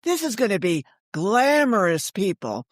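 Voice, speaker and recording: In clean studio audio without any room sound, a woman guest who writes and tells stories animatedly recounts anecdotes in casual conversation, wandering off on tangents and acting out what others said. She speaks a little slowly at a medium pitch with big swings in intonation.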